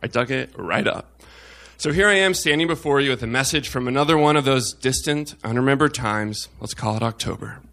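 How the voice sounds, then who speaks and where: A man's voice: medium pitch, a little fast, sharp tone. A man reading his own personal essay aloud on stage, with a wry, self-mocking humor. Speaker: op-ed reader at a live show.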